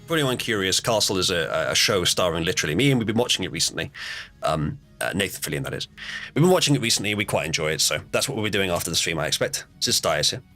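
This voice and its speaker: A man's voice: deep voice, lively intonation, fast talker, pushed and bright, faint music behind. A man hosting a live stream, chatting casually with fillers and restarts and reading out game turns.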